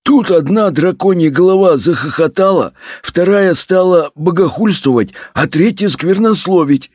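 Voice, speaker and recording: Animated husky male storyteller. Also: sits high, moderate pace, no echo, studio quality. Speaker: audiobook reader. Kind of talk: expressive fairy-tale reading.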